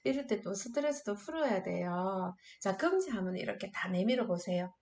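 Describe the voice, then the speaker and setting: A middle-aged woman teaching an online anti-smoking class to high school students. She coaxes her students along in an upbeat way and leads them in shouted chants and clapping games. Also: lively intonation, moderate pace, vocal fry, reverberant. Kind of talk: online classroom lecture with group exercises.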